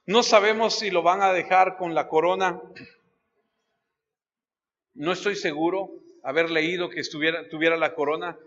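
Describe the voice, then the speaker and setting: A man preaching an expository Bible study sermon, reading scripture aloud and speaking straight to his listeners, dropping low for emphasis. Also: fairly even intonation, normal speed, long pauses, fairly bright tone, in a large hall, muffled recording. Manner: reads scripture aloud, then addresses listeners directly. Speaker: pastor. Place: church.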